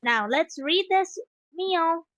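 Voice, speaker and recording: Slow high-pitched lady english tutor, patient, dry close mic on a call. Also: expressive, fairly bright tone, no room sound. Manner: slow, patient, explains step by step. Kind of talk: online one-on-one English lesson.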